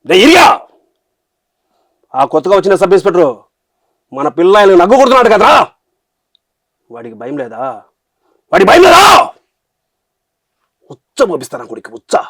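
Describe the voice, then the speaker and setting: A man voicing a cruel, menacing male village rowdy with a Rayalaseema Telugu accent, shouting threats. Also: high-pitched, sing-song, brisk, long pauses, no echo, pitched above the performer's own voice, heavily acted.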